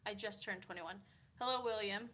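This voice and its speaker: A tired woman from Kansas, early twenties, reads comments and chats on a livestream from a hotel room. She speaks in a mid-range voice at a moderate pace, pushed and bright, rambling along with lots of "like" and frequent laughs.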